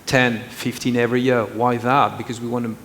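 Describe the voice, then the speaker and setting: A man's voice: mid-range voice, flat delivery, fairly quick, a bit bright. A male panelist speaking hesitantly with many fillers and slightly non-native phrasing. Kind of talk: panel discussion. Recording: reverberant hall with faint noise.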